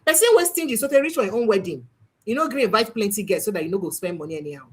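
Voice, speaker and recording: A woman's voice: mid-range voice, expressive, racing, husky. A Nigerian woman hosting a political commentary livestream, emphatic and slipping into Pidgin. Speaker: livestream host.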